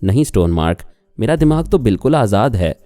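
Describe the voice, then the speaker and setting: A man's voice: on the low side, very animated, dark tone, no echo, soft background music. A man voicing a jealous young wife who accuses and argues, in an audiobook reading. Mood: defensive. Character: jealous young woman, sharp-tongued wife.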